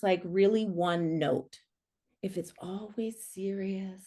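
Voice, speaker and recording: A middle-aged woman coach leads a workshop in a loose, chatty way. She sounds playful and animated, with a mid-range voice and a steady, unhurried pull. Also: mid-range voice. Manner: animated and playful, many fillers like "like". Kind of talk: casual online workshop talk.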